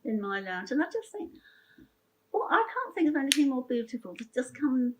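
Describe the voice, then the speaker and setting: An older woman shares her life story in a heartfelt, chatty way, often stopping and starting again mid-sentence. Her voice sits high and swoops through a lively, wide range. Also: fairly quick, highs cut off, background noise. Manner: chatty, rambling, with frequent restarts; emotional and heartfelt. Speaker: interviewee sharing her story. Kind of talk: personal storytelling interview.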